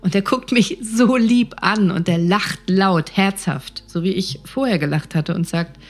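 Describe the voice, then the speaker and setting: A woman's voice: mid-range voice, unhurried, faint music behind. A woman doctor vividly telling a personal story, acting out the dialogue. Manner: vivid, animated retelling with acted dialogue.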